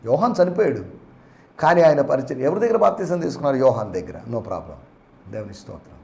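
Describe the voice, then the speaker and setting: A male pastor preaching a sermon, with emphatic rises and soft drops, and English phrases mixed in. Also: medium pitch, big pitch swings, a little fast, gravelly.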